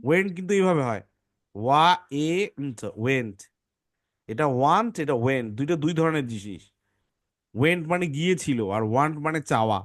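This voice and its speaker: A man's voice: fairly high pitch, expressive, fast talker. A man teaching English phonics to a children's class, patiently correcting pronunciation sound by sound.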